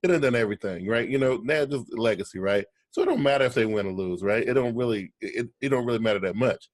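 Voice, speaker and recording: A man's voice: medium pitch, animated, fast talker, no room sound. A man co-hosting a casual sports podcast, talking in long runs and often checking in with "right?".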